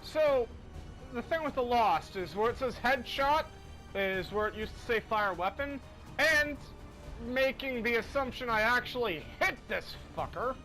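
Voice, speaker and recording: A man's voice: very high-pitched, expressive, a little slow, sharp tone, low-quality recording. A man giving casual, rambling, self-deprecating commentary while playing a video game. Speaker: gaming commentator. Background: faint game music.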